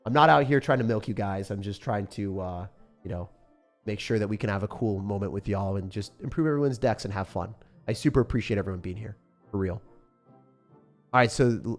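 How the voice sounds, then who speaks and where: A young man live-streams a game and chats loosely with viewers, joking, reading their messages aloud and using slang like "bro" and "man." His voice sits on the low side.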